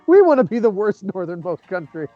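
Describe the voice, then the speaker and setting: A man co-hosting a comedy riff on a film, joking and laughing often. His voice sits high and moves a lot, and the recording sounds dull and lo-fi. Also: sing-song, fairly quick, warm tone, dry recording, soft background music. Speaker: comedy podcast co-host. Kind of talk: riffing over a film.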